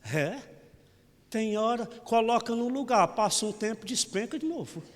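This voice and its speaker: A man's voice: extremely high pitch, animated, measured pace, long reverb tail, a little hiss or hum. A man in his forties with a Brazilian Portuguese accent, a parish priest giving a folksy, teasing homily. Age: 40s. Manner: folksy, teasing, keeps saying "meu irmão". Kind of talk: lively humorous homily.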